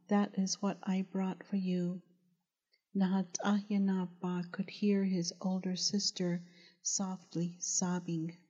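Slow, even-voiced woman storyteller. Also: medium pitch, highs cut off. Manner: slow, even reading in two languages. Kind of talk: storybook narration.

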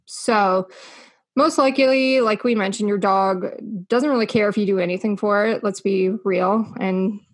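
A woman's voice: medium pitch, fairly even intonation, moderate pace. A woman co-hosting a podcast on a radio station, chatting playfully and laughing easily. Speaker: podcast co-host. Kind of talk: casual chat. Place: radio studio.

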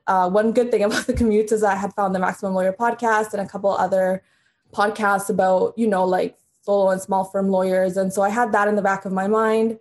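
A woman's voice: mid-range voice, darkish tone. A woman in her thirties, originally from Honduras, talking casually as a podcast guest and laughing often. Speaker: guest lawyer.

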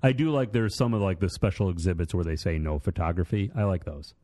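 Low, mellow man in casual chat. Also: fast talker. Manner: relaxed, rambling, repeats words. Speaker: podcast co-host.

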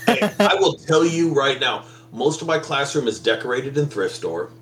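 A man's voice: mid-range voice, sing-song, moderate pace, a bit bright, faint music behind. A man co-hosting a casual podcast, a public school teacher rambling with wry, profane banter. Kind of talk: casual chat. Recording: echoey room with faint hum.

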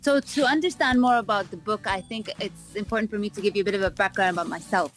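A woman's voice: mid-range voice, fast talker, faint music behind. A woman raised in Canada answering radio interview questions about her cookbook, talking in an enthusiastic way with frequent "um"s and restarts. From raised in Vancouver, Canada. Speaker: cookbook author, interview guest.

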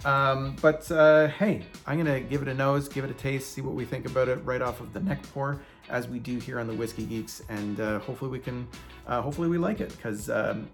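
Chatty male whisky vlogger, gravelly edge. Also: medium pitch, fairly even intonation, brisk, faint music behind. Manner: chatty, rambling with fillers and restarts. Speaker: whisky reviewer host. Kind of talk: casual whisky tasting vlog.

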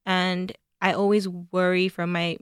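A woman's voice: lowish voice, level tone, measured pace, clean tone, no echo, clean studio sound. A young woman from Nigeria, a journalism student, answering interview questions in a chatty way with many likes. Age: young adult.

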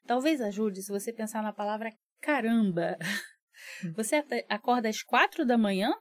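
A woman's voice: on the high side, moderate pace, dry recording, clean studio sound. A woman with a Brazilian Portuguese accent, co-hosting a casual podcast and speaking straight to listeners. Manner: chatty, addresses listeners directly. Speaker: podcast co-host. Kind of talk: casual educational podcast chat.

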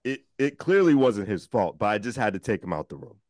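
A man's voice: on the low side, very animated, a little fast, darkish tone, no room sound, clean studio sound. Affirming podcast host man. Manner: affirming, frequent backchannels. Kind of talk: casual chat.

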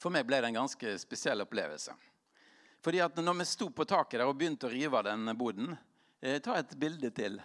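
A man's voice: medium pitch, lively intonation, a bit bright. A man speaking to a live audience in an informal sermon-style talk, rambling and self-deprecating, laughing often, with many fillers and restarts.

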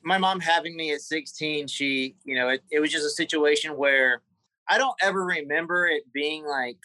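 Bright-voiced Southern man. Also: a little high, no echo, rough recording. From South Carolina. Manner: halting, repeats words, many fillers. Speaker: guest. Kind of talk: personal interview conversation.

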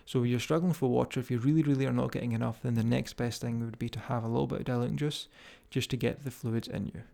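A man's voice: mid-range voice, fairly even intonation, fast talker, vocal fry, dark tone. A man with a strong Scottish accent, talking informally and directly to listeners as a fitness coach hosting a podcast. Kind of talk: casual motivational podcast talk.

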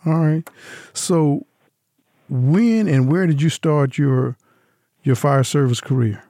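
A man's voice: a little high, slow, dark tone, no echo, clean studio sound. A male radio show host doing an interview in an easygoing, conversational way.

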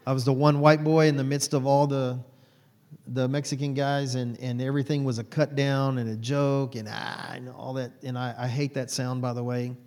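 This lay preacher in his forties speaks at a moderate pace in a flat, medium-pitched voice with a darkish tone, giving a rambling, informal sermon to a small group. He uses many fillers and often corrects himself; the recording has long hall reverb plus a little hiss or hum.

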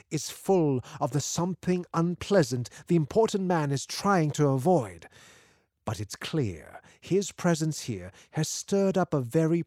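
Measured, expressive male storyteller. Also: mid-range voice, no room sound, studio quality. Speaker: narrator. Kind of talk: scripted literary story narration.

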